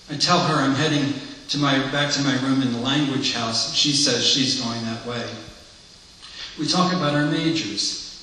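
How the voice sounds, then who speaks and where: A man's voice: medium pitch, sharp tone, slight background noise, close to an everyday voice. A man reading the part of an earnest blind man confiding his past to a priest, in a candid, reflective monologue, heard in an echoey hall from far off.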